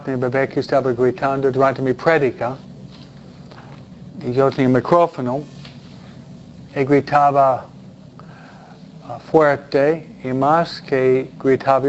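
Male priest, casual audience chat, humorous, muffled low-fi audio with light hiss. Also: little pitch movement, normal speed, pauses often. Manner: chatty, self-deprecating humor, frequent "¿no?" tag questions. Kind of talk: informal Q&A talk with audience. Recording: dull lo-fi sound with faint noise.

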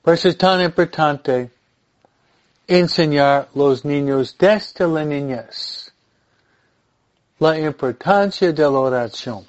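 Slow-speaking male priest with English-accented Spanish. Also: fairly high pitch, highs cut off. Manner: deliberate, halting delivery with repeated phrases. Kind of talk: informal religious talk and blessing.

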